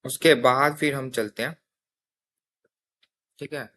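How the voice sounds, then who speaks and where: Bright-voiced man explaining step by step. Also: mid-range voice, fairly even intonation, slow pace. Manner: explains step by step, often checks with "theek hai". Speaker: coding teacher. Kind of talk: casual spoken tutorial.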